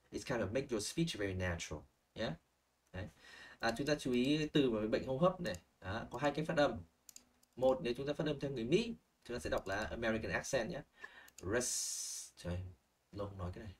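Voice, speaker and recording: A man's voice: mid-range voice, far from the mic. Young male teacher giving spoken feedback. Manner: animated, models phrases, checks in with "ok?" and "chưa?". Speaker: IELTS speaking teacher. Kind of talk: online lesson feedback, mixing Vietnamese and English.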